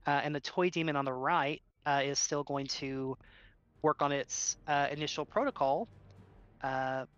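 A game master narrating a tabletop game in an unhurried way, with many filler uhs. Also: mid-range voice, a bit bright, dry recording, muffled recording.

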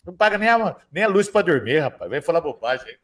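A man's voice: on the high side, big pitch swings, fast, a bit bright. A man arguing football on a panel show, defensive, repeating himself and stammering when pressed. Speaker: São Paulo fan panelist. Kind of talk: heated football debate.

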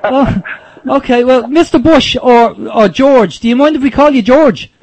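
High-voiced late night call-in host, man. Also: moderate pace, a little hiss or hum, low-quality recording. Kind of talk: unscripted-sounding phone-in hosting.

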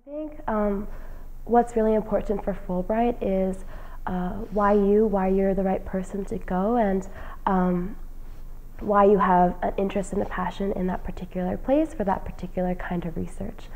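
Poor audio captures a young New Jersey woman, a fellowship recipient about to graduate, responding to interview questions. She talks at normal speed with a mellow, medium-pitched, steady tone, casually and earnestly, with frequent "um"s. The setting is an indoor lounge with plants and a leather chair.

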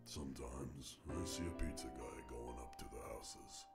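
A man's voice: rumbling low, big pitch swings, a little slow, over music, full character voice. An actor voicing a shy, lonely man in a game who hesitantly confesses that he wants to be liked. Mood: shy earnest.

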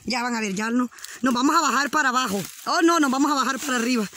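A woman's voice: sits high, quick pace, bright, forceful tone, a little hiss or hum. Giggly Honduran woman vlogging outdoors. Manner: giggly, teasing, chatty, laughs often. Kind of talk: casual walking vlog. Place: outdoors on a rural riverbank. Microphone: handheld camera while walking.

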